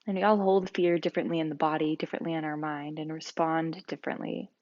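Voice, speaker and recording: A woman leading a guided yoga and breathing class, speaking calmly and slowly with soft-spoken guidance. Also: low-pitched, dull audio. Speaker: yoga instructor.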